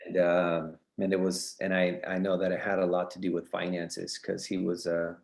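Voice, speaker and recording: A real estate coach in his thirties appears as a podcast guest, chatting earnestly in a casual interview with many fillers. His low voice is flat with vocal fry, at a normal speed, and the room has a noticeable echo.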